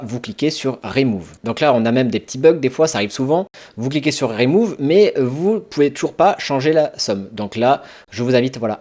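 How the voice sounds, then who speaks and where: A man walks viewers through a trading tutorial in a plain, mid-pitched voice. He explains each step directly to the listener, peppering his talk with casual fillers. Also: a little mellow. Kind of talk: screen-recorded tutorial walkthrough.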